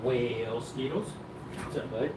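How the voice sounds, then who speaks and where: Speaking slowly at a medium pitch over a noisy background, a man hosts a cooking livestream from home. He chats casually with his viewers as he cooks, rambling along in a relaxed, easygoing way.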